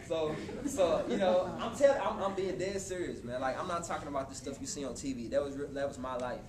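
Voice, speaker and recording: A man in his twenties giving a motivational talk to a live college audience, casual and animated, speaking straight to the crowd. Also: on the high side, fairly quick. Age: 20s. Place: college hall before an audience. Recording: echoey hall with room noise.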